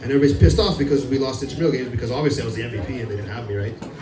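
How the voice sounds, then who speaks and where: Very fast and medium in pitch, a stand-up comic rambles through a self-mocking set on a club stage and laughs along with his own material. The recording is distant and roomy, full of heavy background noise and crowd laughter.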